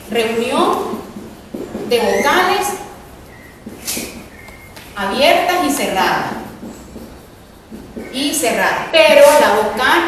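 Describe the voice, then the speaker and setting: A woman's voice: a little high, a bit bright, a little hiss or hum. A woman teacher giving a spelling lesson, repeating points and often checking in with the class. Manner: repetitive, checks with students using ¿verdad?. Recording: echoey room, mic far off.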